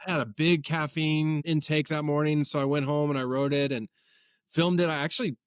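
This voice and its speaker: Chatty man telling animated stories. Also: a little high, a little fast, clear, resonant tone, no room sound, clean studio sound. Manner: rambling, animated storytelling with many filler words. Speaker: podcast guest, comedy content creator. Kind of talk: casual chat.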